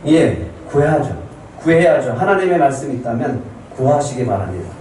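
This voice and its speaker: A man's voice: mid-range voice, big pitch swings, normal speed, a little mellow, a little hiss or hum. A man preaching a Sunday sermon as pastor, calling out to his congregation and reading scripture with them. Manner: calls out to the congregation, reads scripture aloud with them. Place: church sanctuary. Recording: echoey church hall from far off.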